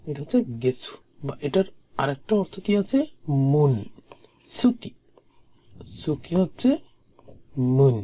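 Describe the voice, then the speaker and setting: Husky, lively-voiced language teacher. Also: medium pitch. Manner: patient, repeats each word slowly, often drops to a soft murmur. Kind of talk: recorded exam-prep lesson.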